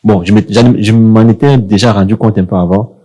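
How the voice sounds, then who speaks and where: A young man with a Cameroonian accent speaks in a low, dark, mellow voice. He co-hosts a relaxed podcast and tells his own story with animation and frequent laughter. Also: a little fast. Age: young adult. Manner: lively storytelling, laughs often. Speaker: podcast co-host. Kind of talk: casual podcast conversation.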